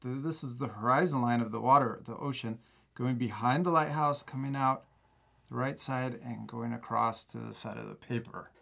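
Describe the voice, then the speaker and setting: Slow, step-by-step instructions come from a man in his thirties teaching children to draw in an art studio, and he keeps things upbeat and encouraging. He has a mid-range, gravelly voice that is somewhat bright.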